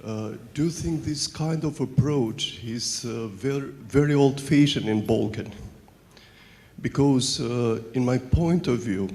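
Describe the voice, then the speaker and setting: A journalist in a conference audience, a man with a gravelly voice. He speaks haltingly and earnestly, searching for his words. His handheld mic echoes with a long hall reverb. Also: mid-range voice, a little mellow. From Albania. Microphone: handheld microphone.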